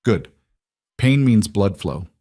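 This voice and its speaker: Low, firm cowboy voiced by the narrator, clipped commands, protective. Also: male voice, sing-song, takes it slowly, mellow, no room sound, clean studio sound, heavily acted. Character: steady, protective frontier cowboy man.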